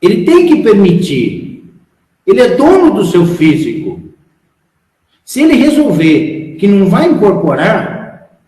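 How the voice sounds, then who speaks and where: A man's voice: fairly high pitch, a little mellow. A man with a Brazilian Portuguese accent giving a frank, emphatic spiritual lecture, asking his followers rhetorical questions. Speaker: spiritual instructor. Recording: echoey hall, long reverb.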